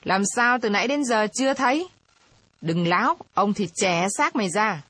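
A woman's voice: mid-range voice, lively intonation, moderate pace, slightly rough, dry recording. A woman reading aloud, voicing a drunk and quarrelsome old former village chief who talks belligerently. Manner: belligerent, shouting.

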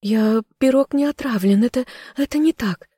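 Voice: mid-range voice, moderate pace, warm tone, husky, no echo, studio quality, voice pushed up, close to an everyday voice. A reader voicing a frightened young female servant who stammers and pleads, in an audiobook. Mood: panicked. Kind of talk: audiobook character voice.

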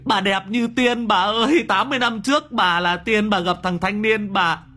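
A man's voice: high voice, fairly even intonation, normal speed, bright, forceful tone, voice pushed up. A man voicing a cowardly young man who babbles and shrieks in terror in an audio story. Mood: terrified shrieking. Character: panicked young man, red-haired, cowardly.

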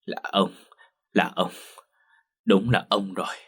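A man voicing a grieving aging mother who scolds her son through sobs, rising to shrill outbursts. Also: fairly even intonation, slow, a bit bright, slightly rough, full character voice. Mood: surprised. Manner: sobbing, reproachful, shrill outbursts.

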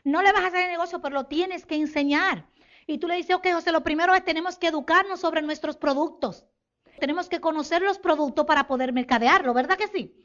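A woman from the Republic, giving an animated business talk to an audience and acting out sales conversations. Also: very high voice, a little fast, dull audio. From Dominican Republic. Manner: animated, acts out sales dialogues, addresses audience as señores. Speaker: network marketing business speaker.

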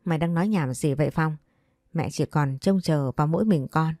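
Woman voicing a scheming middle-aged mother, blunt, scolding, low mellow voice, dry sound, soft music behind. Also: a little fast, dry recording.

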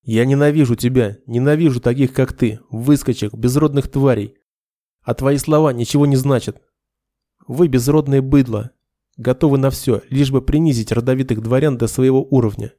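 A man's voice: mid-range voice, dark tone, dry recording, studio quality, close to an everyday voice. A man doing a haughty young lieutenant. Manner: hissing, haughty. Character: arrogant young noble lieutenant, hot-headed.

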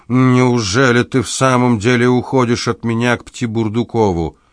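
A man voicing a self-pitying, pompous husband who whines in a slow, drawn-out, nasal voice in an audiobook. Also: mid-range voice, fairly even intonation, no echo, studio quality, voice pushed up, close to an everyday voice. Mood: pleading.

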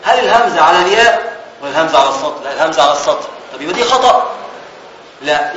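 A man's voice: a little high, fairly bright tone, roomy sound, lo-fi sound, a little hiss or hum. A man with an Egyptian Arabic accent teaching a classical religious text. He reads passages, then explains them in colloquial speech and repeats his key phrases.

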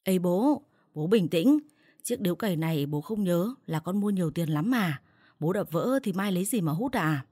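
Timid gentle husband, soothing and pleading, as a woman narrator puts him on; dry husky tone. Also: on the low side, animated, fairly quick, dry recording. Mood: placating.

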